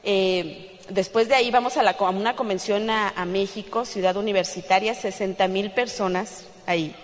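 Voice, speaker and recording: A Mexican woman giving a lively testimonial to an audience, acting out the dialogue of her story and laughing often. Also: mid-range voice, normal speed. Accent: Mexican Spanish. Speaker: speaker at a business convention. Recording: long hall reverb.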